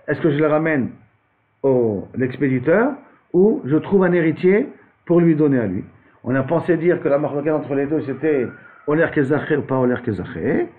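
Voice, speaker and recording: A man teaching a Talmud lesson as a rabbi, reading Aramaic phrases and then explaining them in with frequent restarts. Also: a little high. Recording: tinny phone-like recording.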